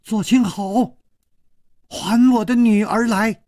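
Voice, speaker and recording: A man doing a shrill, furious mother. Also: steady tone, slow pace, no room sound, clean studio sound. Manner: sharp, accusing, shouting from afar. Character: shrill angry middle-aged mother, vengeful.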